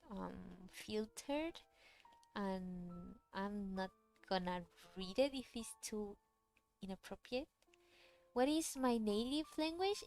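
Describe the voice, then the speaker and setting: A woman whose first language is Cantonese chats casually on a livestream while drawing her webcomic, rambling and answering questions from chat. Her voice is mid-range with a darkish tone, and faint music plays in the background.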